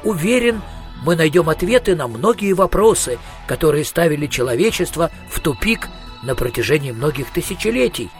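Narrator as a dreamy inventor, musing, hums, lightly raised pitch. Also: male voice, sing-song, normal speed, soft background music. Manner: musing, thoughtful, trailing off with hums. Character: absent-minded male genius inventor and artist.

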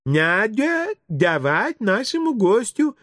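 A sugary, condescending kindergarten teacher, put on by a man reading a storybook aloud coos at the children in slow, stretched-out phrases. The voice sits high and swoops through a wide, lively pitch range. The recording is close and dry. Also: no room sound, exaggerated voice. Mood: cooing. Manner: slow, cooing, drawn-out speech.

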